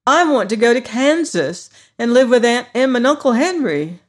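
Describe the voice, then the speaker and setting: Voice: mid-range voice, moderate pace, voice pushed up. A reader voicing a homesick, eager young girl in a raised, pleading voice. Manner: raised, excited pleading delivery.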